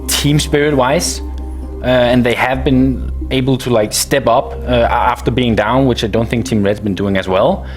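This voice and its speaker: Measured male judge drawing out a verdict. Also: medium pitch, darkish tone. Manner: measured, drawn-out, pausing. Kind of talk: deliberate verdict.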